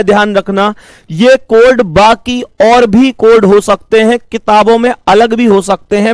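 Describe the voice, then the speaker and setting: A man teaching a math lesson, explaining slowly, repeating points and calling his students fondly. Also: high-pitched, no echo.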